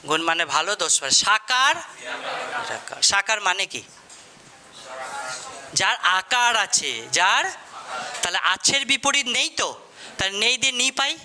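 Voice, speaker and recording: A man's voice: high voice, big pitch swings, unhurried, pauses often, background noise. A man teaching a classroom lesson in a Bengali accent, quizzing students and repeating their answers back.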